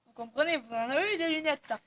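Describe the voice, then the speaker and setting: A woman's voice: high-pitched, lively intonation, fast, fairly bright tone, slight background noise. A woman playing a forgetful, nearsighted journalist in a comedy sketch, asking fussy, hesitant questions. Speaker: interviewer in a sketch. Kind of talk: amateur comedy sketch acting.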